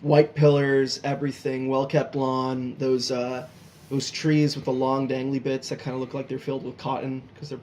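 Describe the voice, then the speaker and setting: A man's voice: medium pitch, level tone, moderate pace, a little mellow, slight background noise. Casual man running a tabletop game. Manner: loose, joking, with fillers. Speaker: game master. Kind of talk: narrating a tabletop horror game.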